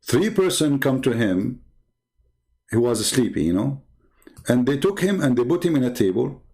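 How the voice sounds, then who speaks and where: This live-stream host reads religious texts aloud, mocking them with sarcastic jabs as he goes. His mid-range voice is very animated and warm, moving at a moderate pace, and he speaks with an Arabic accent, Arabic being his first language.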